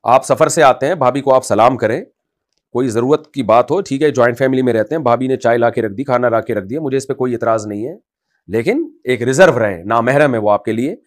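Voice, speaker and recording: Emphatic male religious scholar. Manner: emphatic, rises loud to scold, then drops low and quiet. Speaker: Islamic scholar answering a viewer's question. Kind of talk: impassioned religious advice talk.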